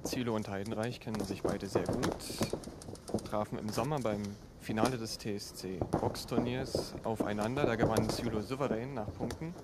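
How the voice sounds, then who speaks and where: A man giving live boxing commentary in a measured, explanatory way from inside a sports hall. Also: fairly low pitch, fairly even intonation. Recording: loud arena noise behind the commentary.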